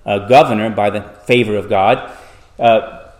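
A male pastor at a pulpit microphone, reading scripture, praying and preaching in a measured, deliberate way, with restarts as he explains. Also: lowish voice, steady tone. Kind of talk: sermon with scripture reading and prayer.

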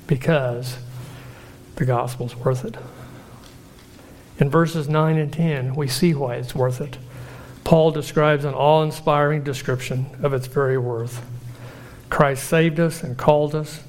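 A man delivers a sermon in a slightly high voice. He speaks earnestly and at a measured pace, drawing out lists of phrases for emphasis. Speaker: preacher.

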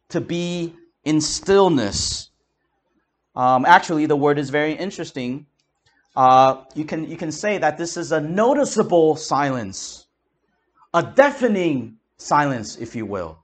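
A man preaching, explaining Scripture verse by verse in an emphatic, conversational way. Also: a little high. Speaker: pastor. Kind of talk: expository Bible teaching.

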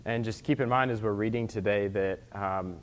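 Man, preacher at a pulpit microphone, fairly low voice, earnest, conversational, restarts and ums, church sanctuary. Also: fairly even intonation, normal speed. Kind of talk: sermon with scripture reading and prayer.

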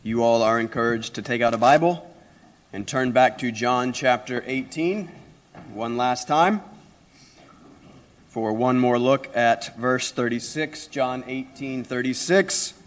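A man with a hoarse, raspy voice strained by illness, preaching as a pastor with deliberate, emphatic phrasing and rhetorical questions. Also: medium pitch. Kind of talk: sermon.

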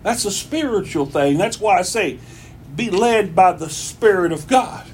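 Male pastor, folksy conversational sermon, slightly raised pitch. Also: animated, measured pace, a little hiss or hum. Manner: folksy, repeats phrases for emphasis. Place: church.

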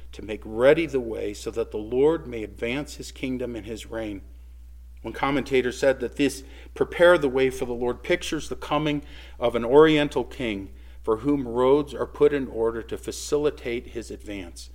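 A man preaching a sermon as pastor, earnest and rising in force when he reads scripture aloud. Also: medium pitch.

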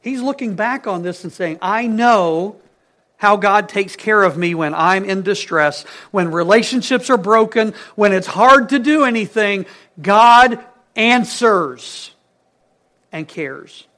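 Emphatic high-voiced male preacher. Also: animated, slow. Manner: emphatic, swings between loud stresses and hushed phrases; asks the congregation questions. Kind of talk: sermon.

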